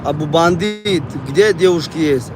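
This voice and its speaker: A man from Tajikistan chats casually with viewers on a livestream, rambling conversationally and repeating phrases. His voice is a little high and a little slow, with music in the background and noisy street or car sounds.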